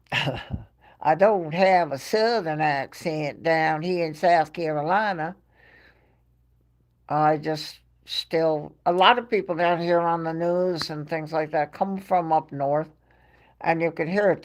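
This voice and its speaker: This woman has a deep, darkish voice and speaks slowly, pausing often. Hosting a livestream with a New York accent, she keeps up casual chat with her live audience, telling stories and laughing between phrases.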